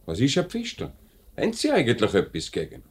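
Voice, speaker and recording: A man plays an assured, straight-talking company director with a Swiss German accent in a 1950s radio play, sounding brisk and commanding. His medium-pitched voice swings widely in pitch, a little mellow yet slightly rough, with a firm, frank mood.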